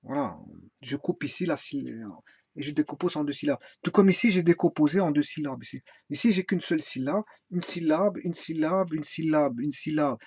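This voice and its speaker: Halting man teaching music theory. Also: on the high side, a little mellow, breathy edge, no echo. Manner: halting, many fillers and restarts, sings phrases slowly. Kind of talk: informal solfège lesson. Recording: dry, dull lo-fi sound.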